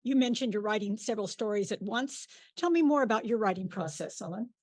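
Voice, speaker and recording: A woman's voice: medium pitch, lively intonation, brisk, a little mellow, dry recording. Woman moderator with a dry close sound. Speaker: panel moderator. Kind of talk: live panel moderating.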